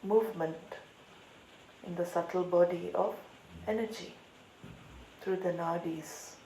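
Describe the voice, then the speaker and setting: Slow and deliberate, a woman leading a meditation speaks calmly in a slightly low, creaky voice, pausing at length between phrases. Roomy echo and faint background noise fill the recording.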